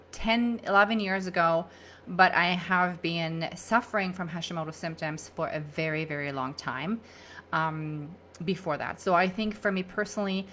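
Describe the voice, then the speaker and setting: A middle-aged woman talks to a live-stream audience into her own microphone. Her voice sits a little low, and her delivery is chatty and upbeat, with plenty of fillers. A faint hum of room noise sits under it. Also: fairly bright tone. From Germany. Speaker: holistic nutritionist hosting a live challenge.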